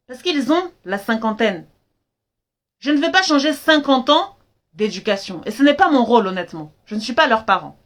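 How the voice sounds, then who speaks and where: Young female life coach, live stream, earnest and emphatic delivery, slightly high pitch. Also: a bit bright. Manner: earnest, emphatic, acts out her parents' lines in dialogue.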